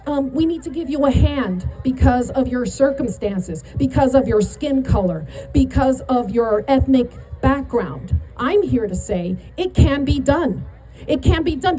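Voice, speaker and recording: Outdoors at a rally, a middle-aged New York woman speaks in a high-sitting voice with her region's accent, punching each line and climbing toward shouts. The recording is poor, with some hiss or hum.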